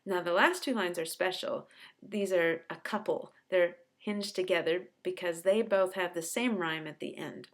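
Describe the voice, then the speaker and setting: A woman's voice: lowish voice, moderate pace. A middle-aged woman professor explaining a poem in a chatty, enthusiastic way, sounding out its rhythm aloud. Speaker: literature professor. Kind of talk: explanatory lesson.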